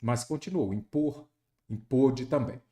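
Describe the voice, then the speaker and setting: Male grammar teacher from Brazil, exam prep lesson, emphatic, quizzes the viewer, medium pitch. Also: a little slow, dark tone. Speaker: Portuguese teacher.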